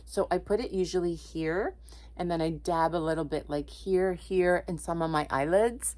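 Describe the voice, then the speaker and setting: A lifestyle vlogger in her late fifties, originally from Portugal, talks to camera at a normal speed in a fairly low voice. It's casual, chatty, warm-hearted encouragement, heavy on ums and likes.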